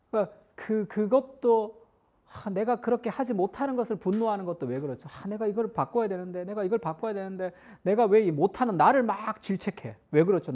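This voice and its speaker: Lively middle-aged male pastor preaching. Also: high-pitched. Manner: lively, conversational preaching that swings between formal and casual speech. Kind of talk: Sunday sermon.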